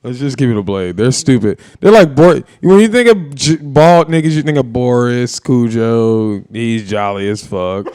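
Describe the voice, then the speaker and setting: Young guy podcast host, loud and rowdy storyteller, voice jumps up and down a lot. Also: medium pitch, moderate pace, few pauses, smooth, no echo. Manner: loud, animated storyteller, swears freely. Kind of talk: casual podcast banter.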